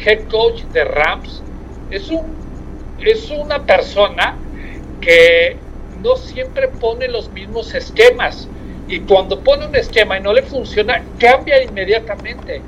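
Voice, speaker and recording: Un hombre de acento mexicano, con voz aguda, bastante brillante y muy animada, comenta deportes por teléfono móvil desde un coche que avanza. Aun así se toma su tiempo, dudando y llenando pausas con muletillas. La conexión es lo-fi, se entrecorta, cruje y deja un leve ruido.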